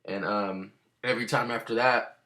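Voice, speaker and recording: A man's voice: fairly low pitch, fairly even intonation, moderate pace, bright, forceful tone. A man casually telling a rambling, slangy story to the camera, full of fillers and asides.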